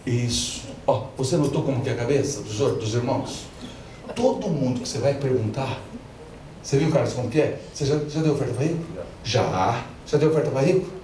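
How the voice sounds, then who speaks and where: Brisk and dark-toned in a mid-range register, the male preacher mixes humor into a call-and-response sermon, prompting his congregation to say his words back. Recorded at a distance in a spacious, echoing church hall, the crowd can be heard along with slight background noise.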